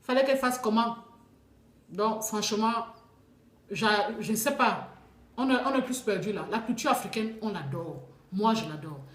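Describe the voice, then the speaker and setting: A woman with a Cameroonian French accent, telling her own experiences in a lively, unscripted way. She often stumbles and repeats words as she talks. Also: mid-range voice, moderate pace, reverberant. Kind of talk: casual spoken testimony.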